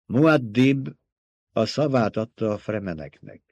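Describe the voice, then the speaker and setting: A man voicing a cold, commanding young male ruler in an audiobook, speaking in a measured way as he dictates terms. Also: on the low side, lively intonation, darkish tone, no room sound, highs cut off. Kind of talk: audiobook reading.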